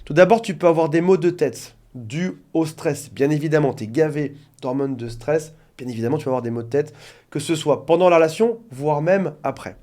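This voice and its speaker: A man's voice: a little high, normal speed, warm tone. A man working as a relationship coach, explaining things directly to his viewers in an informal talk, with joking asides. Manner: jokey asides.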